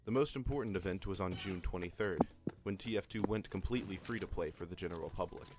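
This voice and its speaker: A man narrating a scripted video essay in a measured storytelling manner. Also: sits low. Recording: narration over clear background music.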